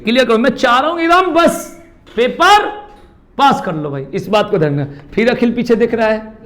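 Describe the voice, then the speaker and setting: A man with a strikingly high voice lectures to a classroom. He is lively and repetitive, sounding each letter aloud and coaxing his students to copy him. He sometimes drifts away from the mic as he moves around the room. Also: fairly quick. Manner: calls students "bhai" often. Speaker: teacher.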